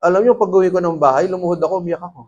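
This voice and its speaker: A man, a pastor preaching a lively, conversational sermon full of stories and laughter. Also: high-pitched, rapid-fire, lo-fi sound. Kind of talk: storytelling sermon.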